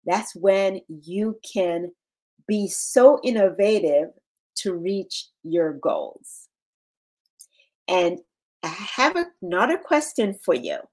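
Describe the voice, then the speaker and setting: Slow-speaking woman guiding a relaxation exercise. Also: medium pitch, a little mellow. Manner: slow, measured, instructional delivery with pauses. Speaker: relaxation and mental fitness coach. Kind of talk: guided relaxation exercise and coaching talk.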